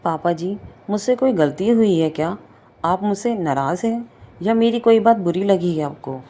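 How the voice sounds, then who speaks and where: A woman's voice: medium pitch, expressive, moderate pace, mellow, natural voice. A woman voicing a worried, hesitant young daughter-in-law in a read-aloud story. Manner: hesitant, respectful. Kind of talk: storybook reading.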